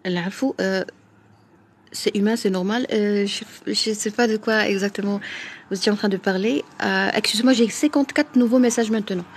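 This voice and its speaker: A woman's voice: mid-range voice, normal speed, breathy edge. A woman doctor from Morocco hosting a live stream, answering viewers' comments frankly, with frequent fillers and restarts.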